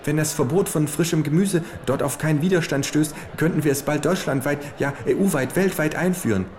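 A man voicing a small, fat, fawning male food executive who talks in a high falsetto and stammers, repeating his words. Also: a little fast, a little mellow, close to an everyday voice. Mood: eager, flustered.

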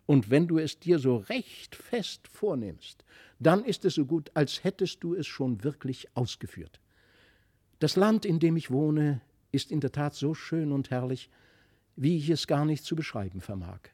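This is a man giving voice to a mysterious fairy child in an audiobook fairy tale. The tone stays soft, earnest and a little wistful. The voice sits slightly high, with a mellow, dark timbre in a dry, close recording. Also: animated, a little slow, husky, no echo. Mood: gentle.

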